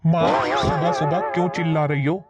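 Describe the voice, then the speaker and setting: A woman's voice: sits low, level tone, moderate pace, lo-fi sound, music in the background, natural voice. A woman playing a grown son who pleads with his mother for his sick wife. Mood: reproachful. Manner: pleading, reproachful. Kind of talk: family drama acting.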